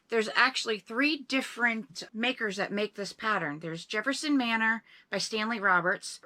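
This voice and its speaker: Casting note: woman, bright, higher voice, chatty reseller co-host who teases. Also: low-quality recording. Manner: teasing, chatty. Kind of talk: casual chat.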